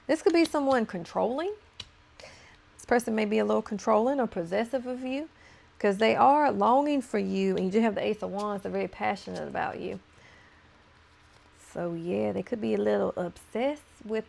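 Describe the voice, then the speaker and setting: A woman reads tarot cards for her viewers in a loose, chatty way, playful and quick to laugh. Her voice sits a little high with a gravelly fry running through it. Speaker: tarot reader. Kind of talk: casual tarot card reading to viewers.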